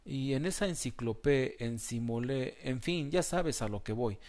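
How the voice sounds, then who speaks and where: A man's voice: mid-range voice, animated, measured pace, darkish tone, voice pushed up, natural voice. A man voicing a pompous male cat who trips over long words and grumbles at being interrupted. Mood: huffy.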